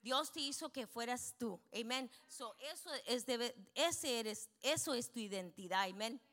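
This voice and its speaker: A woman's voice: on the high side, animated, fairly bright tone. Emphatic bilingual woman preacher. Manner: switches between Spanish and English, frequent amens; emphatic, slows down for key points. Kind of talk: bilingual sermon.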